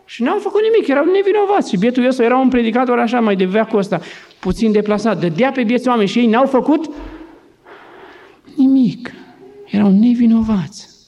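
Male pastor, sermon, high voice, gravelly, emphatic, church. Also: pauses often, a little mellow. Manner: emphatic, dramatizing with acted voices.

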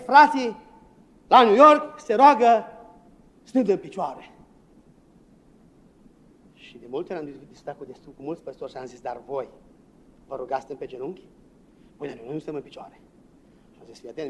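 A man preaching a sermon as pastor, animated and acting out quoted voices, shifting between loud bursts and hushed asides. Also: fairly high pitch, slight background noise.

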